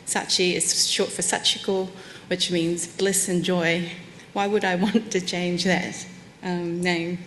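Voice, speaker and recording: A woman of Samoan heritage from New Zealand delivers a warm, candid keynote at a conference lectern, poking fun at herself with light laughs. Her voice sits fairly low with little pitch movement, and she speaks slowly. The lectern mic picks up a little hiss or hum.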